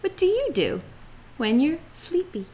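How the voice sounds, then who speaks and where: A young woman teaching children English, speaking slowly and playfully and acting out each feeling. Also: very high voice, sing-song, dark tone. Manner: slow, exaggerated, playful delivery with acted-out feelings. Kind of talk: slow, expressive children's lesson.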